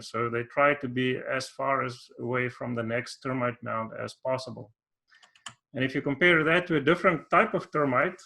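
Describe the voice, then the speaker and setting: A South African man giving an online workshop talk, unhurried and hesitant, with many ums and restarts. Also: medium pitch, gravelly, bright, forceful tone. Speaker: workshop presenter. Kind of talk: conference presentation.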